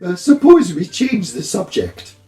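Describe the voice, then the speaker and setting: Male reader as a bossy hare, impatient, blunt, high-pitched, loud, storybook animal, roomy echo. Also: wildly swooping pitch, unhurried, distant mic, faint music behind, full character voice. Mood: bored.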